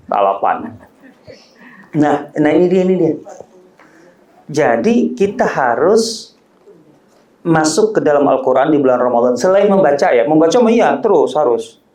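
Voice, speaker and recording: A man's voice: a little high, a little mellow. A man, giving a conversational, joking religious talk that climbs to emphatic peaks. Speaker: Islamic preacher. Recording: roomy echo.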